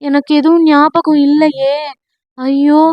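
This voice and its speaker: Brief: woman voicing a high, anxious young wife, breathless pleading questions, dry close audio-book sound. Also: little pitch movement, takes it slowly, no room sound, highs cut off. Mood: flustered.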